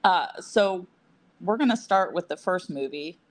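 A woman co-hosting a casual podcast, chatty and quick to laugh, with self-deprecating asides. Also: lowish voice, expressive. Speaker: podcast co-host.

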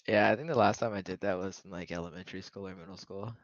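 Deep, fast-talking young guy on dull audio. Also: fairly even intonation, no echo. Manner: offhand, mumbly, trailing off. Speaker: podcast co-host. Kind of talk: casual chat. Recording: dull, dry lo-fi sound.

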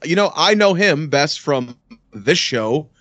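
A man's voice: a little high, animated, fairly bright tone, no room sound. Man chatting on a dry close mic. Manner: leads the talk with quick questions. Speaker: podcast co-host. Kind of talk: casual chat.

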